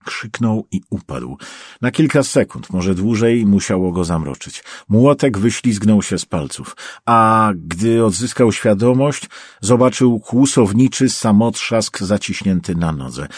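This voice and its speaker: A man narrating an audiobook with tense, measured storytelling. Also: on the low side, expressive, husky, no echo, studio quality.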